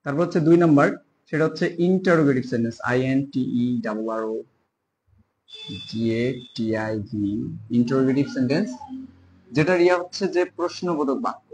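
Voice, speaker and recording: A man giving a casual spoken grammar lesson, spelling terms out letter by letter and stretching key words slowly. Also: mid-range voice, lively intonation, darkish tone, slight background noise. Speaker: teacher.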